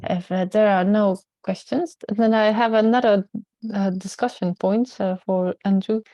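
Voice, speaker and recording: A woman's voice: mid-range voice, steady tone, unhurried, mellow, no echo. A woman moderating a conference panel, asking questions hesitantly with many fillers.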